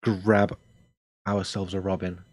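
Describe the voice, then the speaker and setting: A man's voice: sits low, level tone, slow pace, a little hiss or hum. An older man chatting casually on a game stream, rambling with dry, self-mocking humor. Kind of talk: casual live-stream chat.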